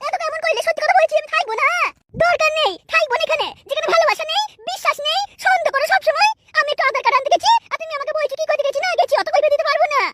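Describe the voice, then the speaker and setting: A woman's voice: extremely high pitch, very fast, few pauses, a bit bright, no room sound. A woman voicing an indignant, quarrelsome wife in a comic cartoon dub. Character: touchy, indignant young wife.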